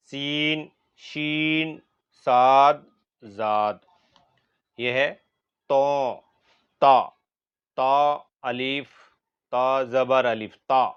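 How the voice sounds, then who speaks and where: Teacher, male: very slow, drawn-out letter sounds, repeated for students. Smooth voice, dull muffled recording. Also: mid-range voice. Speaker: Quran reading teacher. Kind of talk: recorded lesson on letter pronunciation.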